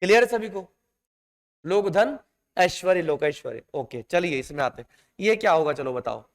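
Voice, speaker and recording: A man's voice: high voice, lively intonation, moderate pace. A man teaching a class in a classroom, stretching out the words he stresses and calling his students "beta". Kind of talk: classroom lecture. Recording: long hall reverb.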